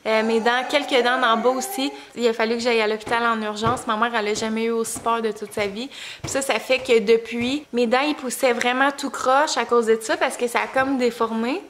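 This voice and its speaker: A young woman with a Quebec French accent and a fairly high voice talks to her vlog audience. Her delivery is informal and chatty, like telling everyday stories. Her articulation is slightly crooked, as with a freshly bitten, swollen tongue. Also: steady tone, fairly quick, a bit bright, slight background noise. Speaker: vlogger and mother. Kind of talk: casual vlog chat.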